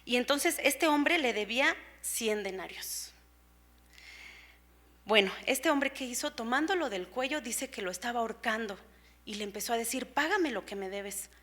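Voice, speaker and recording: A woman's voice: fairly high pitch, expressive, normal speed, a bit bright. A woman preacher giving a sermon in an earnest, explanatory way, with rhetorical questions and frequent fillers, in a church.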